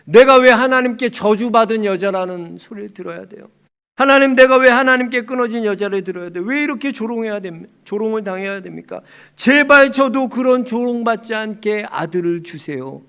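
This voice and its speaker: A man's voice: sits high, lively intonation, a little fast, a bit bright, smooth, voice pushed up. A male pastor voicing an anguished, childless woman crying out to God in prayer during a sermon. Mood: pleading.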